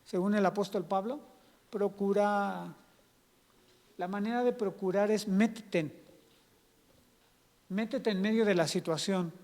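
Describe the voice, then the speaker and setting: A male pastor preaches conversationally, slipping into acted-out scenes. His voice sits high for a man, and it rings out with a long church-hall echo. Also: a little slow, long pauses, a little mellow. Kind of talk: sermon.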